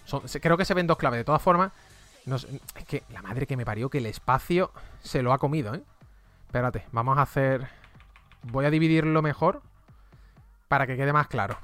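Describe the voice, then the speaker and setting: A man's voice: medium pitch, fairly bright tone, no echo. A man with a Spain Spanish accent chatting casually on a live stream, running game giveaways and muttering exclamations as he goes.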